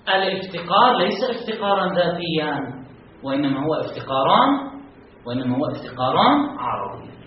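A man's voice: high voice, a little hiss or hum. A man teaching a philosophy lesson, walking through an argument and asking rhetorical questions that he then answers himself, with stress on the key terms. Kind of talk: classroom lecture explaining a text. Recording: echoey, distant, muffled room recording.

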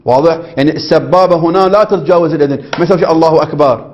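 A male teacher leads a jurisprudence lesson at a brisk pace, reading a passage and then unpacking it for his students. He keeps pausing to check that they follow and acts out phrases in several ways to show the difference. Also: on the high side, darkish tone. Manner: explanatory, keeps checking understanding with the class. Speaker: religious teacher.

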